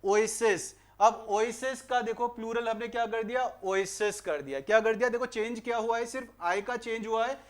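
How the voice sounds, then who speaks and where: A high-pitched young male teacher with an Indian accent runs an online exam-prep grammar class. He keeps asking his students questions and then answers them himself, sliding English phrases into his explanations.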